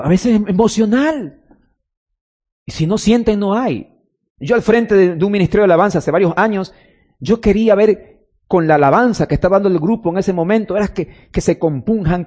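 A man's voice: fairly high pitch, a little mellow, slightly rough. A man preaching a sermon as pastor, telling stories and rising into emphatic calls.

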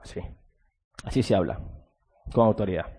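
A man preaching a sermon as pastor, switching between a low, hushed delivery and sudden loud outbursts with drawn-out emphasis, sometimes mocking soft-spoken replies. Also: slightly rough, big-room sound. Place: church.

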